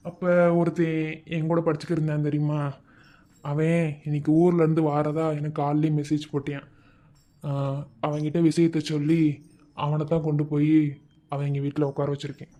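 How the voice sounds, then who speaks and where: A man's voice: on the high side, close to an everyday voice. An actor playing a kind young village man, speaking reassuringly in Madurai Tamil in a cartoon. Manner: reassuring, steady. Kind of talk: cartoon voice acting.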